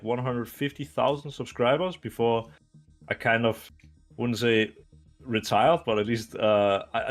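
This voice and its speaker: Raised in Denmark and in his twenties, this former esports pro speaks at a medium pitch as an interview guest in a casual video. His relaxed answers wander, packed with fillers and laughter.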